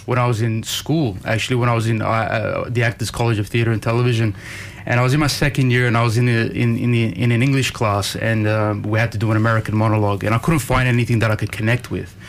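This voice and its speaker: A man speaking as a filmmaker guest in a casual interview, relaxed and hesitant with many fillers. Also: mid-range voice, fast, vocal fry, a little hiss or hum. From Australia.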